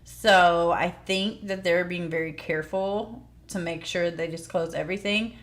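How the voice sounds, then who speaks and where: A woman's voice: on the low side, fairly even intonation, unhurried, fairly bright tone. A woman giving informal, plain-spoken commentary as she explains court news like a true crime host.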